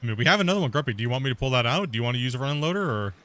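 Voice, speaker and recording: Playing a mining game for his gaming channel, this host talks in a rapid-fire, animated rush, stuffing his rambling chatter with fillers and false starts. His medium-pitched voice is bright and forceful, over a faint hiss or hum.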